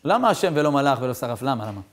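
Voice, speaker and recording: A male rabbi telling a story in a sermon, animated and acting out the voices of the characters. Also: medium pitch.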